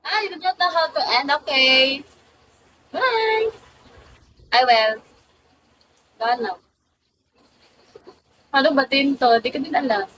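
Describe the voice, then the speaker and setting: Young woman, high voice, slow and giggly, casual live-stream chat, faint room noise. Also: bright, forceful tone, rough recording. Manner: giggly, mixes English and Filipino. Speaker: livestream host.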